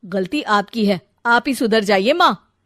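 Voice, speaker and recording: A woman's voice: medium pitch, animated, unhurried, dry recording, studio quality. A woman voicing a firm, reproachful young man in a storybook drama. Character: stern young adult son siding with his wife.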